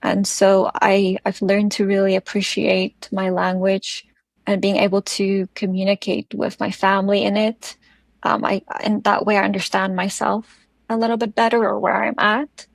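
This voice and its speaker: Woman, Afrikaans South African accent, native Afrikaans speaker, fairly even intonation, gravelly fry, reflective interview talk, searching for words. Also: medium pitch, no echo. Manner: thoughtful, halting, searching for words. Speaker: podcast guest.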